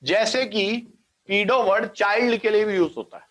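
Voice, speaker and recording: A man's voice: high-pitched, moderate pace, a bit bright. A man giving an online biology class, explaining step by step, mixing in English science terms and often checking that students follow. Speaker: biology teacher.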